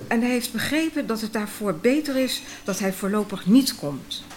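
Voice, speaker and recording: A woman reading the quoted words of a calm, caring mother in a read-aloud story. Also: fairly high pitch, normal speed, a little hiss or hum, natural voice.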